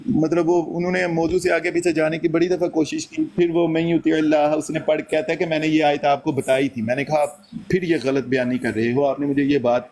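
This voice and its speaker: A man casually recounting a debate, quoting his own lines back and forth as he tells it. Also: a little high. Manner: recounts events and quotes himself in lively dialogue. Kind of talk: casual storytelling.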